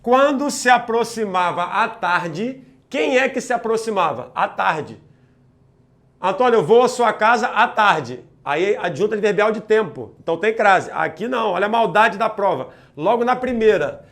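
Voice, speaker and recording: A male grammar teacher drives through an exam-prep lesson in a high, bright-pitched voice. He talks with punchy energy and checks in with his students after nearly every point. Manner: energetic, peppers talk with quick check-ins to students. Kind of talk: lively exam-prep lecture.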